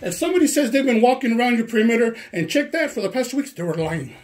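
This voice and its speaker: Insistent, deep-voiced middle-aged father. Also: animated. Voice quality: deep, strained voice after surgery. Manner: insistent, rapid-fire questioning, then long explanations. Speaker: parent. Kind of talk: heated complaint to school staff. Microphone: handheld phone recording.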